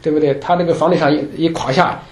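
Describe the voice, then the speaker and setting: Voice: medium pitch, steady tone, fast, darkish tone. A Bible study teacher giving an informal class to a group, chatty and joking, often laughing and restarting sentences. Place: church meeting room with a group. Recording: roomy room echo.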